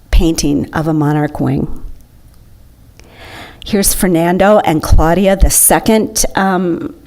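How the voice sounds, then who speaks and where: A woman's voice: lowish voice, a little mellow. A woman giving an enthusiastic, chatty slideshow talk to an audience. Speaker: presenter.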